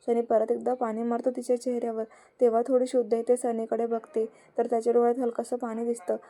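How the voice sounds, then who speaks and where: Woman narrator, storybook reading, dark mellow voice, level pitch, steady. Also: fast talker.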